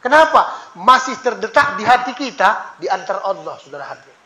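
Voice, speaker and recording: Lively high-voiced preacher in an echoey mosque. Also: male voice, brisk. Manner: lively, jokey, acts out prayers in a hushed low voice. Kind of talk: mosque sermon. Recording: echoey mosque, slightly dull sound, faint noise.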